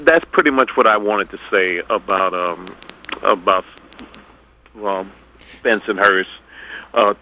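Bright-voiced older man, lo-fi call. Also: lowish voice. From Queens, New York. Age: middle-aged or older. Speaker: radio call-in caller. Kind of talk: casual spoken opinion. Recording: dull lo-fi radio phone call.

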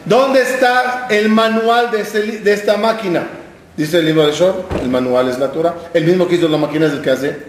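A man with a high-sitting voice gives a brisk Torah class in sermon style, telling stories with acted-out dialogue and posing questions to his listeners. The room is very echoey.

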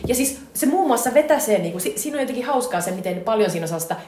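Animated Finnish woman podcaster. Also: on the high side. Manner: animated, laughing, acts out film lines loudly. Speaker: podcast co-host. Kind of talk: casual chat about a film. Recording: echoey room with faint ambient noise.

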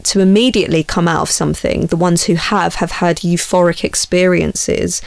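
A podcast guest in casual chat, talking haltingly with many restarts. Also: medium pitch, steady tone, gravelly, dry recording.

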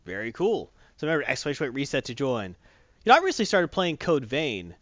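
A man co-hosting a game stream show, chatting casually and reading out shout-outs with jokey energy. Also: mid-range voice, wildly swooping pitch, fast talker, no echo. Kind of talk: casual livestream chat and giveaway. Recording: dull lo-fi dry stream audio.

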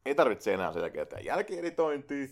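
A man talks alone into a USB microphone for his own podcast, rambling and swearing casually as he addresses listeners. His voice has a gravelly, fry-laden edge. His pitch swings around animatedly as he talks. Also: very animated. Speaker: podcast host. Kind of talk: casual solo podcast monologue. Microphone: USB microphone into a laptop.

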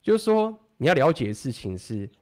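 A man talking fast and animatedly in a casual podcast chat, swearing now and then. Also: medium pitch, very animated, darkish tone.

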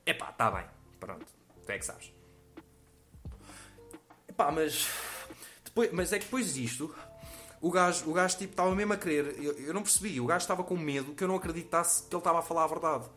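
Young guy from around lisbon rattling off a funny story, lots of swearing, slightly high voice. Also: animated, fast, long pauses, bright, forceful tone, faint music behind. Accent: European Portuguese, Lisbon area. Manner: slangy, swears a lot, acts out quotes. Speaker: comedian telling a story. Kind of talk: comic anecdote monologue.

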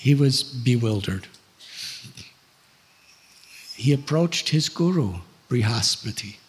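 Slow dramatic male spiritual teacher. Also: mid-range voice, lively intonation, breathy edge. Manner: slow, emphatic and dramatic, with laughter. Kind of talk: storytelling sermon. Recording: long hall reverb.

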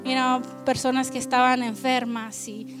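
High-voiced woman preaching a sermon. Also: normal speed, over music. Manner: switches between Spanish and English, conversational and lively.

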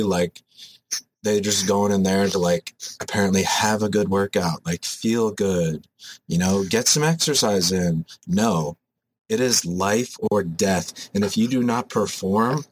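Husky young guy, casual podcast chat. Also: fairly low pitch. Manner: joking mock-intense ranting about the gym. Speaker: podcast co-host.

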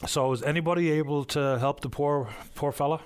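A man hosts a call-in show in a smooth radio-host manner, easygoing and courteous with each caller. He talks into a headset microphone. His voice is starting to give out and turn hoarse. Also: a little high, steady tone, a little fast. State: voice going hoarse.

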